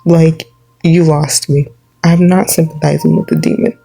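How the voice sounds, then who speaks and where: A woman's voice: low-pitched, steady tone, moderate pace, gravelly, mellow, husky, soft background music, rough recording. A young woman vlogger rambling through an opinionated rant, filling her talk with "like" as she goes. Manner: rambling, opinionated, heavy use of "like".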